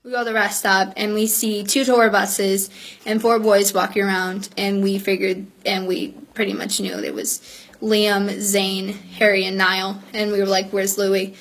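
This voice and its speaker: A woman's voice: mid-range voice, little pitch movement, normal speed, a bit bright, rough recording. A woman telling a concert story in a chatty, rambling way with lots of fillers. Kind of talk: casual storytelling.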